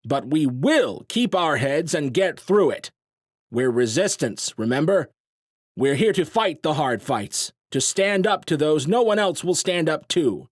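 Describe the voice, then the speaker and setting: Steady commander addressing a restless crowd, as the narrator plays him, raised voice. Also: male voice, fairly high pitch, normal speed, no echo, studio quality, pitched above the performer's own voice, close to an everyday voice. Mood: rallying. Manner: firm, rallying. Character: steady male resistance commander rallying a crowd.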